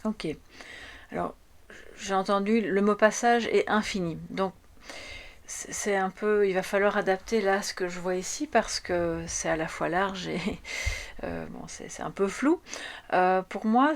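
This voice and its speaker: A French woman reads tarot cards for her viewers in a soft, searching way. She pauses often and restarts her sentences with small fillers, and her pitch sits in the middle for a woman. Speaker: tarot reader. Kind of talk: spoken tarot card reading.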